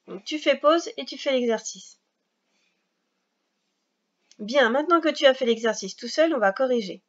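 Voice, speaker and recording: A woman teaching a recorded reading lesson for young children, explaining slowly, patiently and step by step. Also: fairly high pitch, dull audio.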